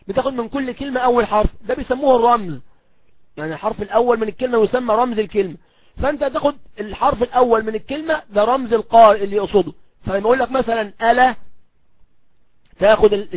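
A man with a very high voice and an Egyptian Arabic accent lectures for a recorded course, walking through points methodically, posing and answering his own questions, and reciting lines of poetry slowly. No room sound; the highs are cut off.

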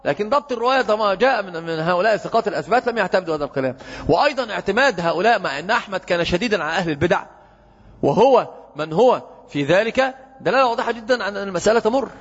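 A man's voice: high voice, animated, rapid-fire, husky. A man giving a classroom lecture on hadith, often quizzing his students with check questions. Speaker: hadith teacher. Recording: muffled echoey lecture hall.

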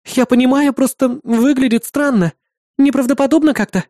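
A man voicing an excitable, anxious young woman, a police partner in an audiobook, with shrill, pleading outbursts. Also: moderate pace, dry recording, clean studio sound.

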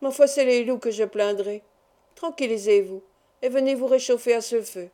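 A woman's voice: a little high, moderate pace, natural voice. A woman doing a suave, courteous young lord. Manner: soft, courteous, commanding. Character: suave young nobleman, gentle yet firm.

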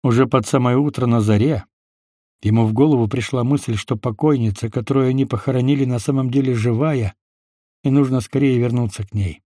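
A man narrating an audiobook in a measured, unhurried manner. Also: medium pitch, dark tone, no echo, clean studio sound. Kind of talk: scripted narration.

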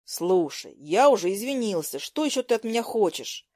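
A woman voicing a cocky, teasing teenage boy who talks low and sly. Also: very animated, moderate pace, darkish tone, dry recording, clean studio sound. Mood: sly, defensive.

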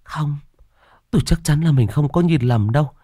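Guy doing a scared old village lady, stammers, way up high in pitch. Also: moderate pace, mellow, dry recording, studio quality, close to an everyday voice. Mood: insistent. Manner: stammering, frightened, insistent. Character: terrified older village woman.

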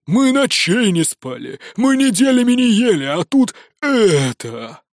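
A man's voice: high voice, big pitch swings, a little slow, dry recording, clean studio sound, voice pushed up, heavily acted. A man doing Samogonych, a barking dwarf boss. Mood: angry. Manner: barking, sarcastic. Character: gruff short male dwarf gang leader, bullying. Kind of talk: audiobook character voice.

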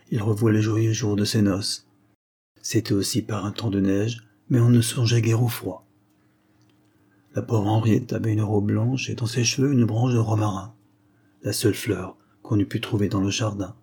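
A man narrating a classic novella as an audiobook in a measured, expressive way. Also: on the low side, husky.

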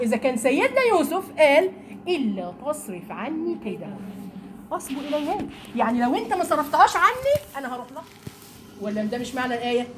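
A woman with an Egyptian Arabic accent teaching a Quran study lesson to women, telling stories animatedly and mimicking mocking voices. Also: on the high side. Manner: lively, animated storytelling with mocking impressions. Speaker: religious teacher. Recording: noisy room recording.

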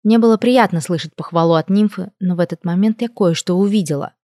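A woman narrating a first-person fantasy audiobook in a lively, expressive way on a close mic. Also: fairly low pitch, fast, no echo.

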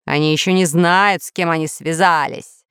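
This storybook narration features a woman voicing a villainous male scientist ruling over dinosaurs, boastful, pompous and menacing. She speaks at normal speed in a low voice with fairly even intonation and a slightly bright, clear, resonant tone. There is no echo, just clean studio sound.

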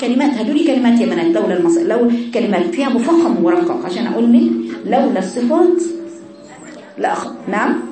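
A woman's voice: fairly high pitch, expressive, fast, warm tone, faint music behind. A woman with an Egyptian accent teaching Quran recitation to a class of girls, asking questions and answering them herself and drawing out letter sounds to show them. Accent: Egyptian Arabic. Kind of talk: classroom lesson on tajweed letter qualities. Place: classroom with female students. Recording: echoey room, mic far off, students' voices behind.

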